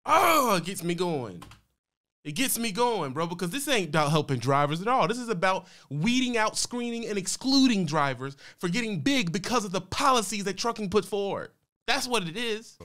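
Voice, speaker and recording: Fired-up trucker ranting at a clip. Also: male voice, sits high, very animated, moderate pace, pushed and bright. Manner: fired-up, talks back at the clip, says bro and man. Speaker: trucker reaction streamer. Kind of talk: heated ranting reaction commentary. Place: home streaming room.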